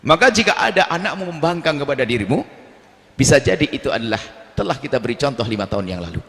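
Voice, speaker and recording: A man preaching a sermon on family life, animated, now and then acting out quarrelling relatives in a raised voice. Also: quick pace. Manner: animated, acts out quarrelling family members in a high voice. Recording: long hall reverb.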